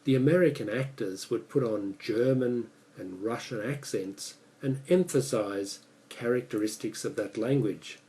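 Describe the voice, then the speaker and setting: A man with an Australian accent giving a prepared speech about speaking clearly, in a measured, deliberate way. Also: mid-range voice, dark tone, far from the mic, poor audio.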